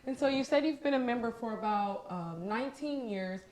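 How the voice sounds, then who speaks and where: A woman's voice: fairly high pitch, animated, a little fast, darkish tone, roomy sound. A woman hosting a studio interview, asking friendly, long, multi-part questions. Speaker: interviewer, network host.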